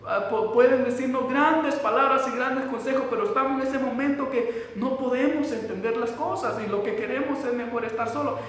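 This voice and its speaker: A man with a strikingly high voice gives a sermon and reads scripture aloud. He speaks haltingly, doubling back on his words. His voice sounds distant, with long reverb from a large hall. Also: a bit bright. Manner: halting, repeats words and restarts often. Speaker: preacher. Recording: echoey hall, voice from far off.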